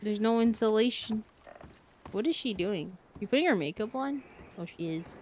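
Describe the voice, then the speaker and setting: A woman's voice: medium pitch, lively intonation, normal speed, a little mellow, a little hiss or hum. A woman streamer giving casual gameplay commentary in a playful, giggly, chatty way.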